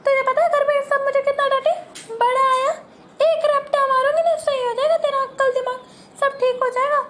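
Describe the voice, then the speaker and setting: A woman doing a shrill, bossy young sister. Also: steady tone, moderate pace, fairly bright tone, slight background noise. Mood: threatening. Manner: scolding, bickering, threatening. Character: proud hot-tempered young sister, bossy. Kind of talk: homemade comic family sketch.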